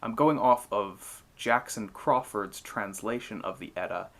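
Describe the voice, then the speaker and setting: A man's voice: lowish voice, a little slow, very noisy. A man giving scripted, explanatory narration in the manner of a storyteller. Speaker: narrator, mythology channel host.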